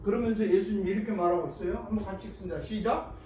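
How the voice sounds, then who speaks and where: A man's voice: sits high, rapid-fire, recorded from a distance, a little hiss or hum. Male pastor preaching in an echoey church. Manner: lively storytelling, acting out disciples' voices. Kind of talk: sermon. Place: church sanctuary. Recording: echoey hall, mic from afar.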